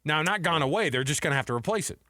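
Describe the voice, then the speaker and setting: Rapid-fire and animated, a man with a sharp, high-leaning voice runs a sports talk radio show from the studio. He chats informally, like he's talking to a pal, and calls his co-host and listeners "man" and "dude." There's no echo, and the audio is studio quality.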